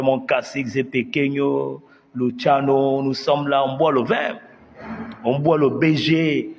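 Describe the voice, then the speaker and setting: A man's voice: mid-range voice, big-room sound. A man from Gabon, telling a comic story as a storyteller and acting out scenes with voices and sound effects while asking the audience questions. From Gabon, Bitam area. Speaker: comedian storyteller.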